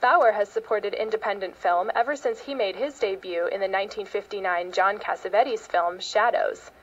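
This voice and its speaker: A woman's voice: medium pitch, normal speed, highs cut off, slight background noise. An American woman reading a scripted news feature as a public radio host and reporter.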